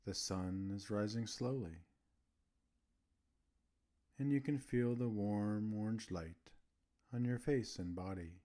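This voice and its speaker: Speaking at a fairly low pitch, a male meditation host narrates a scripted guided relaxation, soothing and gentle, with soft pauses between phrases.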